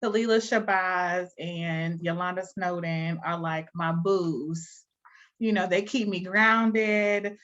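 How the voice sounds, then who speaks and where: A woman guest in a casual interview who tells stories in an animated way and laughs easily. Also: lowish voice, takes it slowly, dull audio.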